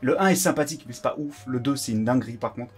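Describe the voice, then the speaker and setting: Guy hosting a casual trailer reaction show, blunt n excitable, faint music behind. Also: mid-range voice, fast talker. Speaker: host.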